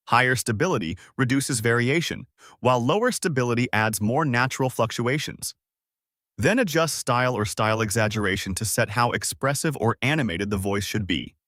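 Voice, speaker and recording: A man with a medium-pitched voice narrates a scripted, step-by-step software tutorial. His close voice-over is orderly, explanatory and instructional, with no echo.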